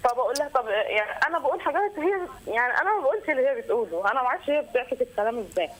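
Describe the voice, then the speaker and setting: Weary Egyptian woman caller, rapid and hesitant. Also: high voice, expressive, rough recording. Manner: hesitant, fillers and restarts. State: weary and distressed. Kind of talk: call-in confession.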